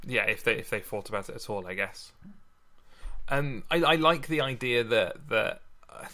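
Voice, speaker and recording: A man's voice: medium pitch, animated, normal speed, bright, forceful tone. A man co-hosting a casual chat about poetry, hesitant and repeating his words. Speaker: podcast co-host. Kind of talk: casual literary discussion.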